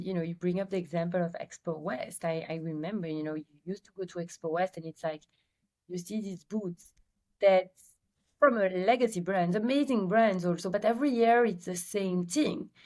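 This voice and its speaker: A woman from Belgium with a Belgian accent, a company's CEO and guest on an interview podcast, telling her story in a lively way with many filler ums. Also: lowish voice. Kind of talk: casual interview chat.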